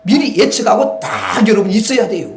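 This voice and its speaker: Male pastor, high voice, emphatic sermon delivery; roomy church hall. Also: very animated, fairly quick. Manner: emphatic, repeats and addresses the congregation. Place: church sanctuary. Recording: echoey church hall, faint noise.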